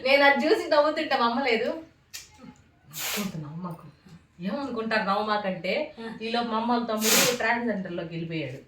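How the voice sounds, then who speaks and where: Bright-voiced woman telling funny stories. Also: fairly high pitch, very fast, hardly any pauses, slight background noise. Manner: animated storytelling with mimicry. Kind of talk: casual comic chat. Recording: echoey room from a distance.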